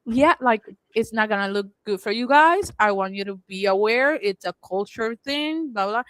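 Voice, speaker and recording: A woman's voice: a little high, normal speed, dry recording, low-quality recording. Talkative Puerto Rican woman, dry close sound. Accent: Puerto Rican Spanish. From Puerto Rico. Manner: animated storytelling, laughs often, quotes herself. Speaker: podcast co-host. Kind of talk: casual chat.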